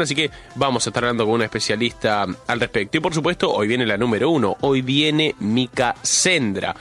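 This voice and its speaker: With a mid-range, slightly bright voice, this Argentine man from Buenos Aires opens a live radio show by rundown of the news, adding his opinions and repeating phrases for emphasis. He has a cough and a cold, and music plays underneath.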